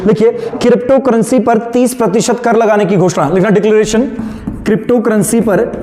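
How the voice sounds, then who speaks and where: A male teacher dictating notes to students, repeating phrases, slowing down for them and asking check questions that he answers himself. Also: sits high, steady tone, mellow. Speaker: current affairs teacher. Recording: echoey room, faint background noise.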